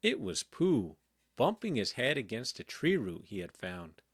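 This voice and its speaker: A man reading a children's storybook aloud in a calm, gentle bedtime manner. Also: medium pitch, slightly rough, dry recording, clean studio sound. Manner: slow, gentle, very expressive. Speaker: audiobook reader.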